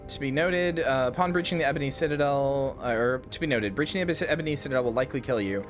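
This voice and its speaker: With faint music behind him, a man streams his gameplay and talks over it quickly at a medium pitch. It's loose, rambling commentary, heavy on fillers and swearing, punctuated by loud outbursts.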